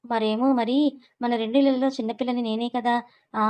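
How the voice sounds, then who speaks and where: A woman's voice: a little high, level tone, a little fast, darkish tone, natural voice. A woman voicing a teasing, cheeky young woman in a storybook reading, playful and coy.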